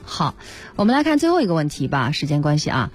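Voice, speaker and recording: Fast-talking, lowish-voiced woman hosting radio. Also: big pitch swings, slightly rough, soft background music. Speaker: radio programme host.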